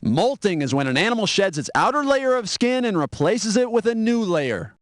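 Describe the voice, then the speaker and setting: A man's voice: high voice, big pitch swings, normal speed, heavy background noise. A man playing a wisecracking, sarcastic adult quiz show host in a video game, teasing the player with jokes. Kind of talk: scripted wisecracking quiz hosting. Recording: loud game music underneath. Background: loud game show music.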